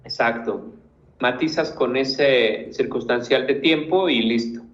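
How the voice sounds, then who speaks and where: Patient teacher, slow and roomy. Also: male voice, mid-range voice, a bit bright, muffled recording. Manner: patient, encouraging, gives corrections by name. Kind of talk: online class feedback.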